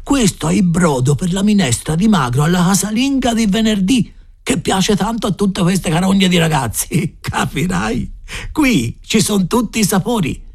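A man's voice: high-pitched, expressive, normal speed, gravelly, slightly rough, voice pushed up, exaggerated voice. A man doing a coarse, sly school cook. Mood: sly, scolding. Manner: coarse, scolding, lecturing.

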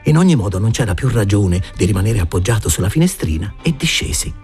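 A man giving an expressive storybook narration as an audiobook reader. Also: on the low side, fast talker. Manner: lively and animated. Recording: faint background music.

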